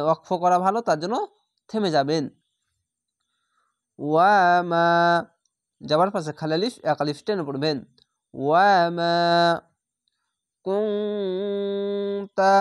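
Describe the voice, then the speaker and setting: A man teaching Quran reading, sounding out each word slowly and repeating it before explaining how to pronounce it. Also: on the high side, dry recording, studio quality. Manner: slow, patient, repeats each word drawn out. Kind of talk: recitation lesson, word-by-word.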